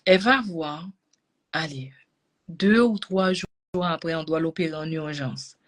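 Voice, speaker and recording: A woman tells a personal story to a live audience, swinging between loud bursts and hushed whispers. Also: sits low, measured pace. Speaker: energy healing coach.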